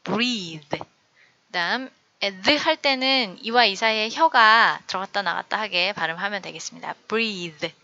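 A woman teaching an online English vocabulary lesson, drilling each word slowly and giving its meaning. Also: medium pitch, gravelly, bright, forceful tone, no room sound, highs cut off. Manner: slow, careful word-by-word drilling of English vocabulary with Korean glosses. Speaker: middle school English teacher.

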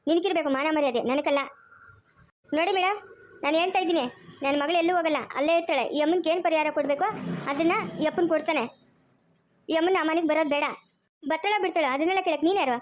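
A woman's voice: sits high, fast talker, pauses often, slight background noise, lightly acted. A woman, playing a furious wife who scolds and insults in an amateur family drama. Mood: scolding.

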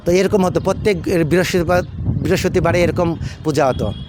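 Higher-voiced Indian monk telling stories. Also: male voice, background noise. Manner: unhurried, repetitive, with many fillers and restarts. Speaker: ISKCON monk recounting his past. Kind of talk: casual storytelling talk.

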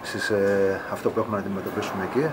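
A man's voice: fairly low pitch, little pitch movement, background noise. A man in his thirties, a team captain, speaking frankly and firmly to reporters in an arena corridor after a game. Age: 30s. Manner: frank, firm, pushes back on questions. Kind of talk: post-game interview with reporters. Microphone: reporters' phones held close.

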